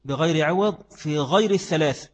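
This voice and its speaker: A man's voice: fairly high pitch, brisk. A man with an Egyptian accent teaching Islamic law in a classroom lecture, quizzing his students with repeated questions and then answering them himself. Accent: Egyptian Arabic. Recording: long reverb of a hall.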